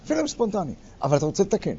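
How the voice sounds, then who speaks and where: Older man lecturing with animated bursts. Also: high-pitched, husky. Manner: animated, acts out quarrels with sharp loud bursts. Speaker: workshop leader. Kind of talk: motivational lecture to a group. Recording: muffled recording with faint background noise.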